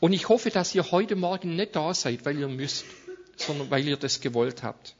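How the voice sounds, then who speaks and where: Preacher, lo-fi sound. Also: male voice, on the high side, expressive, moderate pace, slight background noise. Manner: conversational, with tag questions and restarts. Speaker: guest preacher. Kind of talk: sermon. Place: church service.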